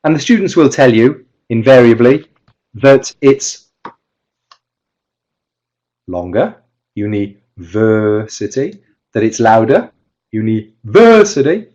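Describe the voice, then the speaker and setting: A man's voice: medium pitch, moderate pace, a little mellow, muffled recording. A man giving a live webinar talk as a teacher trainer through a computer mic. He explains step by step, often restarts his sentences and stresses his example words. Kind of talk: live online presentation. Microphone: computer mic with webcam.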